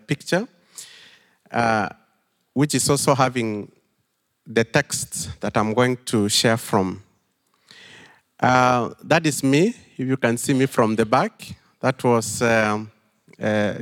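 A middle-aged pastor from western Kenya, with a Kenyan accent, telling a story in an unhurried sermon with thoughtful pauses. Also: male voice, mid-range voice. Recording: long hall reverb.

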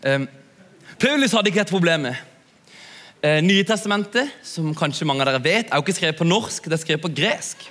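Chatty young male preacher, high voice. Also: lively intonation, a bit bright. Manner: chatty, asks "ikke sant?" often. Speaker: youth preacher. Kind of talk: sermon. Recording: long hall reverb.

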